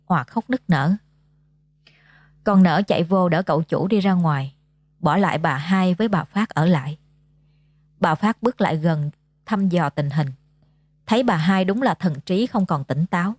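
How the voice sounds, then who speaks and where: A woman's voice: lowish voice, no room sound. Southern Vietnamese woman telling a ghost story. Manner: steady, dramatic reading. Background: soft background music.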